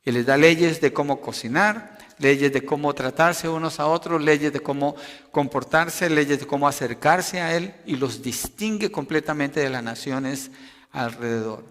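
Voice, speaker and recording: A man preaching a sermon, emphatic, rising loud for quotations and dropping low to explain. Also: a little slow, big-room sound. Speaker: pastor.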